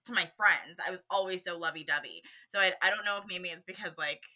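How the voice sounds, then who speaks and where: A woman's voice: lowish voice, quick pace, background noise. A young woman from California, co-hosting a podcast, telling stories in casual chat and laughing often. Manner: animated storyteller, laughs often. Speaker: podcast co-host.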